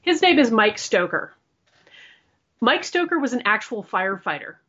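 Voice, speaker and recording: A woman's voice: on the high side, sing-song, moderate pace, a bit bright, dull audio. A woman from Canada chatting casually as a podcast co-host. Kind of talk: casual chat.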